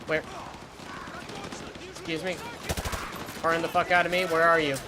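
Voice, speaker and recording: A man's voice: fairly high pitch, little pitch movement, measured pace, noisy background. A man streaming a shooter game, talking back to the game characters in a dry, joking way, his voice still worn from illness. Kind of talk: casual gameplay commentary. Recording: loud game gunfire behind voice. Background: game gunfire and explosions.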